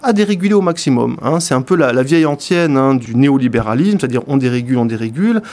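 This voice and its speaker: A man's voice: mid-range voice, animated, fast talker, a little mellow. A man giving a radio book review in speech, hesitant, full of fillers and repeated words. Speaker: radio columnist.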